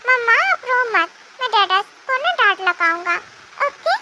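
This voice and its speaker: Fan dubber doing a caring little boy, super high voice, noisy mic. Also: expressive, measured pace. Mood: earnest. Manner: gentle, earnest, soothing. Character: small sweet-natured boy, caring toward his mother. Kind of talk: amateur fan dub. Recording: noisy home recording.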